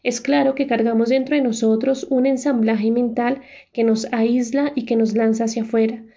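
A woman reads first-person audiobook narration in a measured, reflective manner. Her voice is fairly high but mellow. The recording sounds dull and lo-fi. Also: fairly even intonation.

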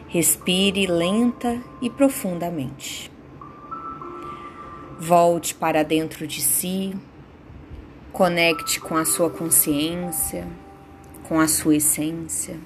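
A woman guiding a meditation with affirmations in a soothing, unhurried way, leaving pauses between phrases. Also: lowish voice, steady tone. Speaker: meditation guide. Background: soft background music.

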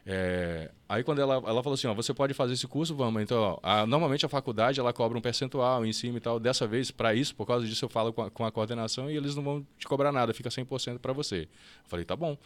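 Fast-talking Brazilian man, dry close mic. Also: medium pitch, no room sound. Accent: Brazilian Portuguese. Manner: lively, fast storytelling with quick restarts and mimicked dialogue. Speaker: podcast guest. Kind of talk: casual storytelling interview.

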